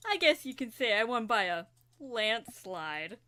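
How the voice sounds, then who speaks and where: A woman's voice: a little high, very animated, measured pace, exaggerated voice. A woman reading a brash, theatrical young man. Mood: triumphant. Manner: theatrical, loud outbursts. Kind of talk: amateur fan fiction reading.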